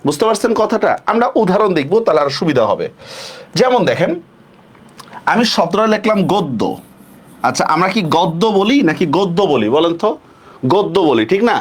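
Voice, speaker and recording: A man's voice: sits high, very animated, fairly quick, long pauses. A man teaching a live online class, repeating questions and checking often that students follow.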